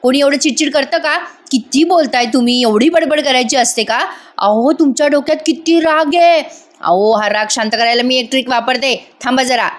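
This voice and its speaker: A bold young woman, quick to tease and quick to snap, read by a woman in a serial recap. Her voice is fairly high and pointed. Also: natural voice. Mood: teasing. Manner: sharp and teasing.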